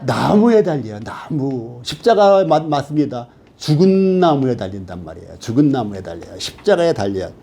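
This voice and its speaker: A man's voice: medium pitch, big pitch swings, moderate pace, creaky, warm tone, slightly rough. A man teaching a Bible study class who keeps asking the class questions and then answering them himself.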